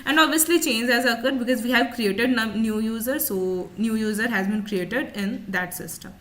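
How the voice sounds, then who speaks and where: In a fairly high, very bright voice, a woman walks through a software tutorial at normal speed. She describes each on-screen step and, like an instructor, repeats the important points.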